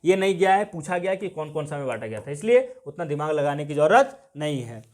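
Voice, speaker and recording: A man's voice: a little high, very animated, brisk, a little mellow. A man teaching an exam coaching class, who keeps repeating points and asks his own questions before he answers them, with a Jharkhand Hindi accent. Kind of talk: classroom lecture.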